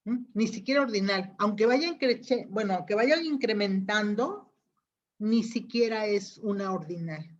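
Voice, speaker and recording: Woman, teacher, online class lecture, patient explaining, muffled lo-fi audio. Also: mid-range voice. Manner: explains patiently, checks understanding with frequent questions. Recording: dull lo-fi audio.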